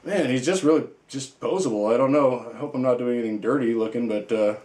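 A man's voice: medium pitch, fast, darkish tone, reverberant. A man chatting casually as a toy reviewer, rambling and playful with lots of fillers. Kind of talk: casual unboxing chat.

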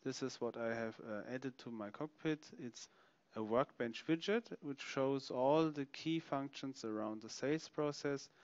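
A man narrating a software product demonstration, explaining features step by step as he clicks through them. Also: mid-range voice, measured pace, dry recording, highs cut off. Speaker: software demo presenter.

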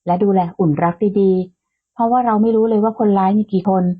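A woman voicing a calm older sibling who gives careful warnings, with a tinny phone-like sound. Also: mid-range voice, fairly quick, natural voice. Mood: cautioning.

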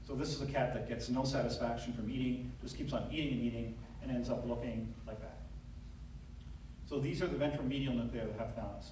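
A man's voice: medium pitch, steady tone, quick pace, darkish tone. Guy doing a science talk, lots of uh and you know, super echoey hall, faint room hum. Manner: conversational storytelling, frequent "uh" and "you know". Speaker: neurosurgeon giving a lecture. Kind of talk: conference talk. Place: large lecture hall, at a lectern. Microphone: audience camera from far back. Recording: very echoey hall, recorded from far off.

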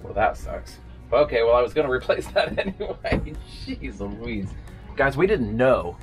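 A man's voice: mid-range voice, very animated, unhurried, faint music behind. Chatty man vlogging from his boat. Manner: chatty, talks to viewers while working with his hands. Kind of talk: casual vlog talk. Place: aboard a catamaran, partly in a small cabin.

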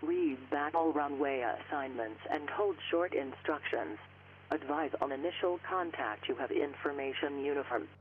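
A man's voice: fairly high pitch, normal speed. A man reading an airport weather broadcast over aircraft radio, clipped and formal, reciting figures one after another. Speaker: automated airport information broadcast. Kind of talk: formal recorded aviation announcement. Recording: muffled radio with faint static.

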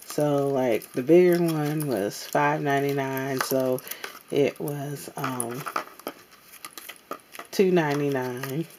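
A woman casually showing off her craft supply haul at a table, talking in an unhurried way with many ums and pauses. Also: very deep voice, a little mellow, a little hiss or hum. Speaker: crafting vlogger. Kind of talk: casual haul show-and-tell. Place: indoors at a tabletop.

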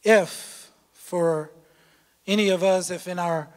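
A man preaching a sermon as pastor, impassioned and shifting between shouts and low tones, repeating words for emphasis. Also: steady tone, takes it slowly. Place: church sanctuary. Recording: long hall reverb.

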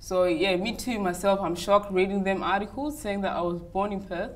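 A woman's voice: mid-range voice, normal speed. A young woman from Uganda who grew up in Australia, answering interview questions in a chatty way full of "like" and "you know". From Uganda, raised in Australia. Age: young adult. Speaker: interview guest, model. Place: hotel lounge, indoors.

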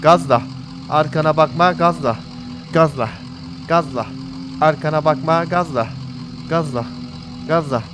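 A man's voice: on the high side, unhurried, long pauses, background noise. A man commentating a horror game in a jokey way, reading its lines aloud and yelping when startled. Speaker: gaming channel host. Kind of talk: let's play commentary.

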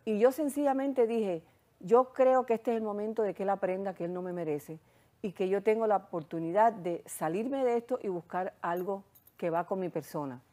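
A woman with a Hungarian accent, a sexologist guest recounting her story in animated, casual chat. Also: medium pitch, moderate pace.

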